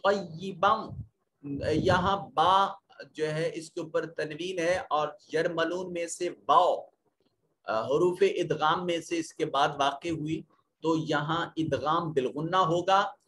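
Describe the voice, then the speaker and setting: A man's voice: on the high side, takes it slowly, a bit bright, slight background noise. A man teaching Quran recitation rules, explaining each letter and rule step by step in a methodical way. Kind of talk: tajweed lesson explaining rules.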